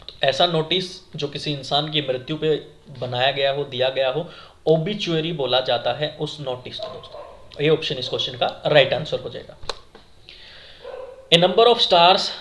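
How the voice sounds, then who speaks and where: A man with a medium-pitched, slightly bright voice teaches exam vocabulary as an exam-prep English teacher. In this classroom-style lesson explaining words, he asks questions and then repeats the answers, addressing his viewers as friends.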